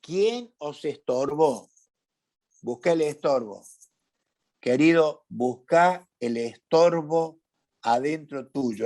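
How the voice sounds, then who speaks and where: Slow, emphatic Cordobese preacher man. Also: a little high, darkish tone. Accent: Cordobese Argentine Spanish. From Córdoba, Argentina. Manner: slow, emphatic preaching with rhetorical questions and repetition. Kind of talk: sermon. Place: church meeting hall.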